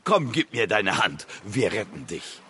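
An actor playing a kindly, earnest seafaring rescuer in a comic audio drama. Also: male voice, fairly low pitch, sing-song, a little slow, sharp tone, husky, exaggerated voice.

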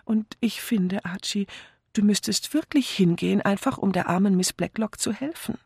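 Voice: medium pitch, very animated, normal speed, vocal fry, husky, dry recording, studio quality, pitched above the performer's own voice, full character voice. A reader voicing a doll-like young wife who coaxes her husband in a wheedling, whiny tone, in an audiobook. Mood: coaxing. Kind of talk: audiobook character voice.

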